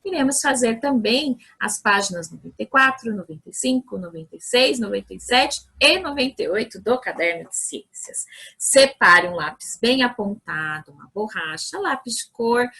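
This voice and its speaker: A woman's voice: fairly high pitch, lively intonation, normal speed, creaky, bright, forceful tone, breathy edge, poor audio. A woman teacher with a Brazilian Portuguese accent, giving a recorded video lesson to young children, patient and cheerful as she counts aloud. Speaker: primary school teacher.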